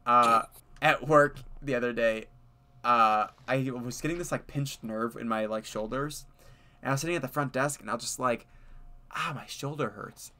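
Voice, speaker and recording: A man's voice: mid-range voice, moderate pace, bright, forceful tone. A young man streaming and chatting casually, rambling with lots of fillers and frequent laughter. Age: young adult. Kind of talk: casual chat while gaming.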